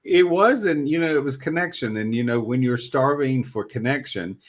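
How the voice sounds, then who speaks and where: A man's voice: mid-range voice, animated, normal speed. A middle-aged or older man interviewing casually, reflective, feeling his way through his phrasing.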